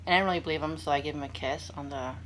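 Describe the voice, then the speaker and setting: Young woman, low pitch, casual mukbang chat, rambling, self-deprecating, noisy room. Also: rapid-fire. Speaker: vlogger hosting a mukbang. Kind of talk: casual chat to viewers while eating. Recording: clear background room noise.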